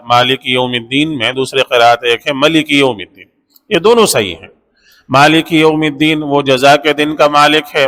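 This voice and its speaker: Man explaining a quran lesson step by step, lots of echo around him. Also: on the high side. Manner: steady explanatory telling with frequent honorifics and repetitions. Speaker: Quran teacher. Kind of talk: religious lesson.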